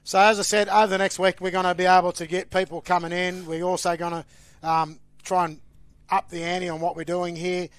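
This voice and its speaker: A man's voice: sits high, little pitch movement, a little fast, clear, resonant tone, no room sound. An Australian man hosting a casual sports podcast, announcing news with upbeat emphasis. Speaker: podcast host.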